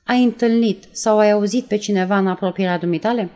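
A woman reading aloud and voicing a heavyset male police officer who questions in a level, flat, unhurried way. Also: medium pitch, natural voice. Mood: calm.

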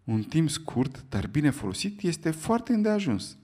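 A calm, precise English gentleman, as a male narrator puts him on, answering in short, clipped sentences. He never rushes and never rises to a provocation. It is an audiobook reading. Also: on the high side, slightly rough, pitched above the performer's own voice. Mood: composed. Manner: cool, clipped and unflappable.

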